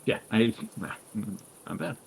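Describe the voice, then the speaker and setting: Low-voiced man running a tabletop game. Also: a little slow, vocal fry, slight background noise. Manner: relaxed, rambling with fillers. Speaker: dungeon master.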